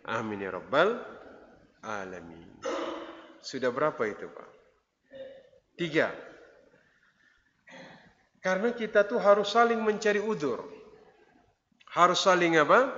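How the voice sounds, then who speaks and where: A man's voice: high-pitched, sing-song, slow, long pauses, a bit bright. A man giving a dawn sermon in a mosque. He tells funny everyday stories and keeps putting questions to the congregation. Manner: storytelling with jokes, asks the congregation questions. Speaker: preacher. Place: mosque hall. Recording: echoey long-reverb hall, dull lo-fi sound.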